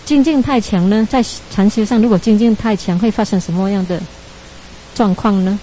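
Woman, meditation teacher, relaxed mellow voice; casual storytelling dharma talk, laughs off her slips. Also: medium pitch, moderate pace, a little hiss or hum, low-quality recording. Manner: chatty, ends phrases with tag particles, laughs at own slips.

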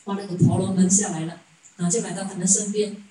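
A Buddhist dharma teacher tells her sermon as a story, chuckling often and posing rhetorical questions. Her mid-range voice is mellow and level in tone, and she speaks quickly. The distant mic in an echoey room picks up a little hiss or hum.

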